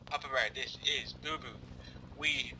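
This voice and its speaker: A man's voice: mid-range voice, flat delivery, measured pace. Male squad leader over walkie-talkie radio, terse and procedural, noisy line. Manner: clipped, terse call-sign speech.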